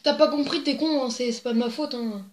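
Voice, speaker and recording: Recorded on a plugged-in desk mic in a room with echo, this young female host of a joke video has a high-pitched voice and a fairly quick delivery. She reads jokes to camera in a casual, giggly way, rambling and adding crude remarks.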